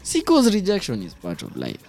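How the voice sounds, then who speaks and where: A man's voice: high voice, huge pitch swings, a little fast, vocal fry, a little mellow, soft background music. A young man with a Kenyan accent in casual, bantering conversation, arguing emphatically and slipping Swahili slang into his English. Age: young adult. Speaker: guest, performance poet.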